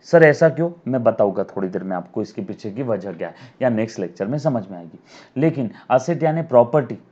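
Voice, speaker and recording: A man giving an accounting lecture to camera, dictating definitions slowly, repeating words, and addressing students as his children with frequent "yes or no?" checks. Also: on the low side, dark tone, slightly rough, lo-fi sound. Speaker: accounting teacher. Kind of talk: recorded video lecture. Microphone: camera mic.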